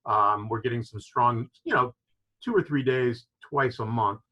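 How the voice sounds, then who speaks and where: Pushed and bright yet slightly rough, his mid-range voice keeps a measured pace. The Florida fishing lodge owner is a guest on a video call, explaining enthusiastically with frequent "you know"s, and the recording is rough.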